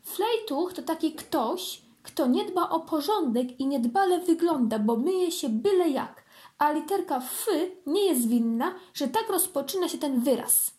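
A woman's voice: high-pitched, lively intonation, a little slow, warm tone, pitched above the performer's own voice. A woman voicing a tidy, matter-of-fact little girl kitten in a children's storybook. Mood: explaining.

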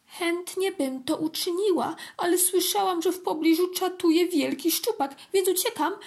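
A woman voicing a small nervous fish that apologizes anxiously in a high voice. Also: normal speed, vocal fry, darkish tone.

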